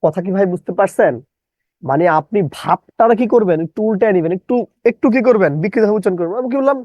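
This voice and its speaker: A man's voice: high voice, fast talker, a little mellow, no echo, rough recording. A middle-aged man from Bangladesh teaching a live online English lesson. He repeats his own questions and breaks words into syllables.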